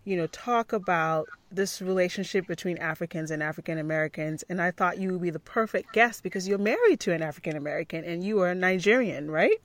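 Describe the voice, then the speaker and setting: A woman's voice: lowish voice, a little fast, hardly any pauses, no echo. A woman hosting a podcast, interviewing a guest in a loose conversational way with many fillers. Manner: conversational, asks questions with frequent fillers. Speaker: podcast host. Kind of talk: casual interview.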